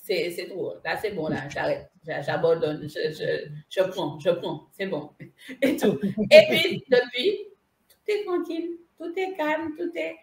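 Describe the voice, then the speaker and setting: A woman tells a personal story in a loose, chatty way, looping back on her own phrases. Her pitch leaps up and down with lots of movement. The recording has a roomy echo. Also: unhurried, creaky, slight background noise. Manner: animated, repeats phrases, laughs while telling. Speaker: spiritual medium guest. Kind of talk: casual storytelling chat.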